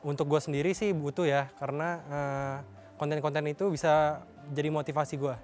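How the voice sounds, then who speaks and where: A young man in his twenties, his voice a touch high, speaks with some hesitation. Clear music plays behind him. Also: little pitch movement, brisk, a little mellow. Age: 20s. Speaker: student participant.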